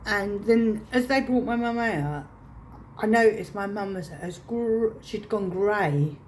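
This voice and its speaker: A woman telling a painful personal story to camera, halting and restarting her phrases as she holds back emotion. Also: medium pitch, lively intonation, darkish tone, a little hiss or hum. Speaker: vlogger.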